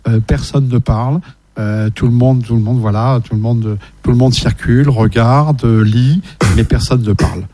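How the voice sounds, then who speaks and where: Dark-voiced hesitant male host. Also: medium pitch, steady tone, normal speed, no echo. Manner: hesitant, many fillers and restarts. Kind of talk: casual radio discussion. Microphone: shared microphone.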